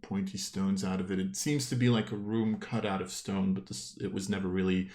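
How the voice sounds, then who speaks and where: A man's voice: sits low, fairly even intonation, a little fast, a little mellow. A man improvising descriptive, conversational narration as the game master of a tabletop role-playing game.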